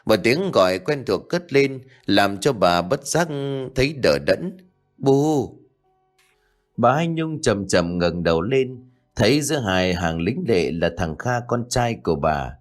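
A man narrating a scripted ghost story in a steady, measured way. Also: on the low side. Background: faint music.

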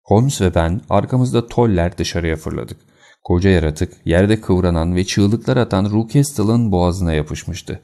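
A man narrates an audiobook in a steady, even manner. His voice sits very low, with a dark, mellow tone. A gravelly creak runs through it. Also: a little slow. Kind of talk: scripted narration.

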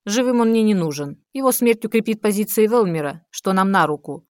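A woman reading an audiobook, voicing a cold, predatory male demon who talks in a smooth, coaxing, mocking way. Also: mid-range voice, animated, fairly quick, no echo, pitched above the performer's own voice, close to an everyday voice. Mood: scheming.

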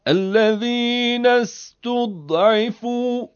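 A man's voice: extremely high pitch, clear, resonant tone, dry recording. A man reciting short Quranic phrases in a melodic chant as examples for a lesson. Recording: dull, lo-fi dry recording.

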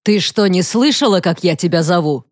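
A woman's voice: fairly low pitch, expressive, moderate pace, no room sound, clean studio sound, lightly acted. A woman reading an audiobook voices a harsh, suspicious middle-aged mother who barks at her daughter. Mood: suspicious, gruff. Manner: barking, suspicious.

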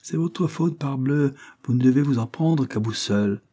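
A man's voice: mid-range voice, unhurried, warm tone, voice pushed up, natural voice. A man reading aloud voices a brusque, stern old spinster who scolds curtly. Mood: stern scolding. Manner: curt and scolding.

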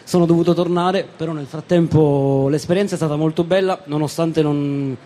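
A man's voice: a little high, steady tone, dark tone. A young man, a former student, talking hesitantly on a radio show. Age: young adult. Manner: hesitant, halting, many fillers. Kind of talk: casual radio chat.

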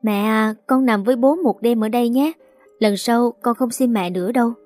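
A woman voicing a small chatty daughter who pleads with her parents in a high childlike voice, with soft music behind. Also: moderate pace, natural voice. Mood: pleading.

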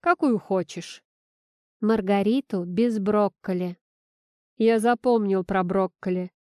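A woman's voice: medium pitch, slow pace, darkish tone, no echo, studio quality, lightly acted. A woman reading the part of a flustered, well-meaning father who is new to parenting and jokes at his own expense. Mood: earnest. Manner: wry, sheepish, self-deprecating.

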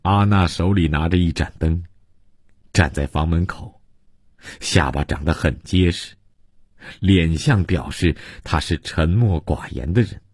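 Man, scripted radio novel narration, very low voice, slow, measured, husky, dry. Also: darkish tone, dry recording. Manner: measured, deliberate reading. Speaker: storyteller.

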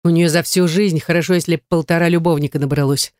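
A woman's voice: lowish voice, steady tone, fast talker, darkish tone, dry recording, studio quality, lightly acted. A woman reading an audiobook, voicing a stern, cold man who speaks in clipped, curt lines. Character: stern, cold grown man, older brother. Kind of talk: audiobook character voice.

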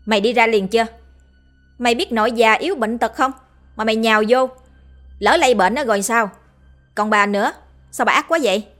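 A woman voicing a spiteful young daughter-in-law who nags and scolds fast. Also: mid-range voice, lively intonation, a bit bright, soft background music, natural voice. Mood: shrill scolding.

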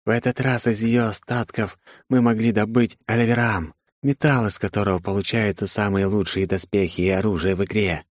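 A man's voice: lowish voice, steady tone, normal speed, hardly any pauses, no echo, studio quality, pitched above the performer's own voice, lightly acted. A man voicing a proud female lizard warrior, speaking in a terse, cool, determined way. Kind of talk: audiobook character voice.

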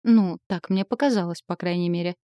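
A woman reading a romantic novel aloud in the first person, expressive and emotional. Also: fairly low pitch, fairly quick, no echo. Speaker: audiobook narrator.

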